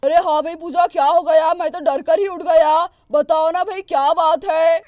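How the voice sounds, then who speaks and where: Startled young husband in a cartoon story, a woman voicing him, lowered loud voice, dry close sound. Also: steady tone, normal speed, dry recording. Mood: alarmed. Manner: loud, low put-on male voice. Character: young adult husband, helpful and easily startled.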